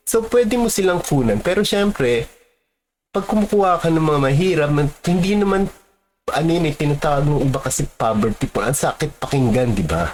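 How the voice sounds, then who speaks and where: A man's voice: medium pitch, a little mellow, slight background noise. A man from the Philippines, a street photographer, talking casually and reflectively, with many fillers and tag questions.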